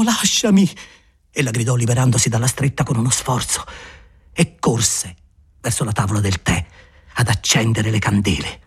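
A man narrating a classic novel as an audiobook, with an expressive, dramatic delivery. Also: lowish voice, breathy edge.

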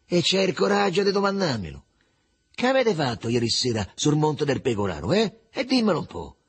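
A man's voice: mid-range voice, huge pitch swings, brisk, slightly rough, pitched above the performer's own voice, exaggerated voice. A man voicing a brash, teasing teenage boy with a Roman accent. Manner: mocking, boisterous.

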